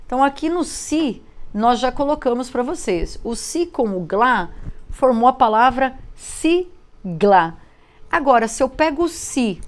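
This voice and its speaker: A woman teacher, giving a recorded literacy lesson, sounding out syllables slowly and clearly. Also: on the high side. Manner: slow, clear syllable drilling.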